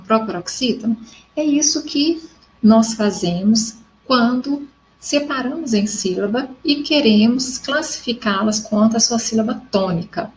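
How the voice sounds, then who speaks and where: A woman's voice: on the high side, slight background noise, low-quality recording. A woman from Brazil teaching a recorded grammar lesson, explaining step by step and often checking in with her students.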